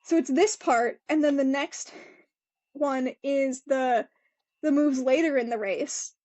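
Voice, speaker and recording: A young woman with a high, light voice chats casually as a podcast co-host. She laughs a lot and reads bits aloud as she goes. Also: slow, a little mellow, highs cut off. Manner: chatty, laughs often, reads quotes aloud. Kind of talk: casual chat about motor racing.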